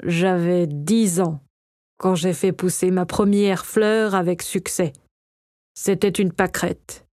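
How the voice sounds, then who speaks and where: A woman reading the part of a kind male king who calmly reassures his young son. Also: fairly low pitch, slow pace, no room sound, clean studio sound. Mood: gentle. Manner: calm, warm and reassuring. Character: kind, gentle male king and father, a magician.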